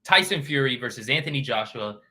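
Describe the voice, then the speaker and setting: A man's voice: mid-range voice, expressive, a little fast, bright, forceful tone. A man hosting a casual boxing vlog, reading news headlines aloud and chatting with lots of fillers. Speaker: boxing channel host.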